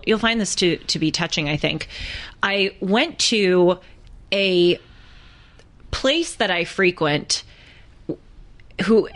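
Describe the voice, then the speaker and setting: Woman, podcast co-host, somewhat low pitch, earnest halting storytelling. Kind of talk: casual podcast conversation.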